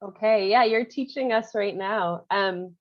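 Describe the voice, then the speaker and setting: A woman's voice: mid-range voice, a little slow. A woman interviewing a guest in a casual conversation, asking short questions and giving encouraging replies. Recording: dull lo-fi audio.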